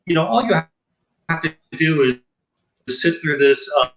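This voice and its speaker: A man's voice: on the high side, animated, measured pace, vocal fry, fairly bright tone. A man co-hosting a casual chat over a video call, his audio cutting in and out as the connection drops. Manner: rambling, full of fillers. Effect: call dropping out, choppy broken-up audio. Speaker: co-host. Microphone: computer call without his own microphone. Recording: echoey, dull lo-fi call audio.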